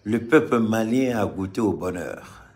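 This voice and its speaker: A man from Mali giving impassioned political commentary to a live audience, repeating phrases for emphasis and swinging between loud and quiet. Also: lowish voice, lively intonation, a little slow.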